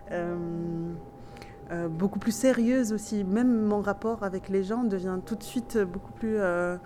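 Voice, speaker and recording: A mid-range, warm, slightly nasal voice belongs to a Tunisian woman, a native Tunisian Arabic speaker, giving French interview answers with a light accent. She thinks as she goes, hesitating with many pauses and restarts, and the recording has a bit of hiss or hum.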